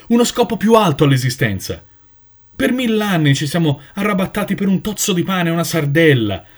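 A man's voice: high-pitched, breathy edge, voice pushed up. A man reading aloud, voicing a young idealistic male seagull who pleads with impassioned conviction.

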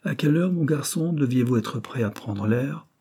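A man's voice: medium pitch, lively intonation, moderate pace, dark tone, breathy edge, voice pushed up. A man reading aloud, voicing a confident male detective who speaks in a reassuring tone. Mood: assured. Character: calm, assured male detective.

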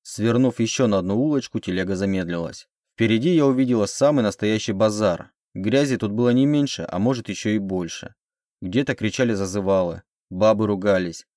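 A man reads an audiobook at a steady, even pace. His voice sits low and the recording is dry and close. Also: brisk, no room sound. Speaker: audiobook reader. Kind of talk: audiobook narration.

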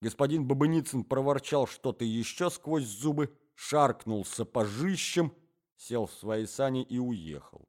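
Male narrator for classic fiction; animated, expressive delivery. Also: medium pitch, a little slow. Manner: expressive storytelling. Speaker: audiobook narrator.

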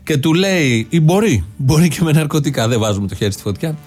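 A man's voice: a little high, expressive, a little mellow, breathy edge, faint music behind. A man hosting a satirical show, commenting with mocking irony. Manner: mocking, ironic asides. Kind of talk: sarcastic commentary.

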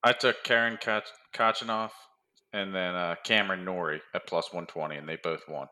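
A man's voice: low voice, steady tone, normal speed, pushed and bright. A man co-hosting a sports betting podcast, playful and boastful about his picks. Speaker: podcast co-host. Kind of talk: casual sports betting chat.

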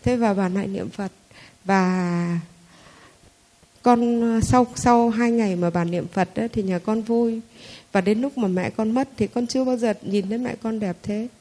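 A woman's voice: mid-range voice, a little slow, mellow. A middle-aged woman shares a personal spiritual testimony as a Buddhist lay follower, speaking in a heartfelt, conversational way with hesitant fillers.

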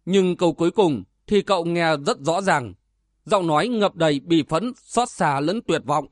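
A man narrates a martial arts novel as an audiobook, steady and dramatic. His voice sits fairly high for a man, and the recording is dry and close with no room sound. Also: moderate pace, no room sound.

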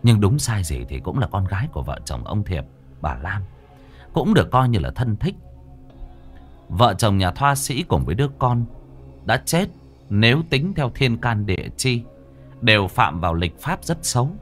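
A man narrating a ghost story in a slow, somber way. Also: on the low side, big pitch swings. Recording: faint music behind the voice.

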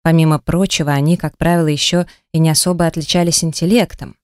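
A woman narrating a first-person fantasy audiobook with a lively, wry storytelling manner. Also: low voice, quick pace, no room sound, clean studio sound.

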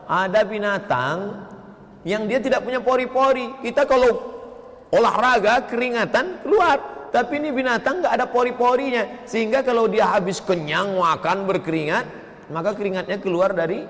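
A man's voice: high-pitched, a little hiss or hum. Man preaching in an echoing hall. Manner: lively storytelling with chanted Arabic phrases. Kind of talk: sermon. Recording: echoey hall with faint ambience.

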